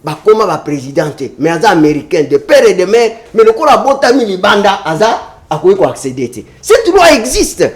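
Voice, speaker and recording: Man, high voice, emphatic, repeats himself, heated panel debate. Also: very animated, brisk, few pauses. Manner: emphatic, repetitive, switches between French and Lingala.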